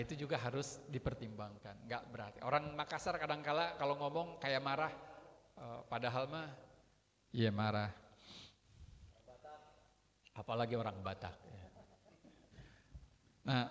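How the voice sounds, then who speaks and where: A man's voice: mid-range voice, dull audio, slight background noise. A man preaching in an echoing hall. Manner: conversational, acts out everyday quarrels. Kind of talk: religious sermon. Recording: long hall reverb.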